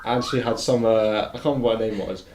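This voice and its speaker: A man casually commentating and joking as host of a live poker stream, with hesitant pauses. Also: lowish voice, fairly even intonation, a little mellow, rough recording. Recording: noticeable background noise.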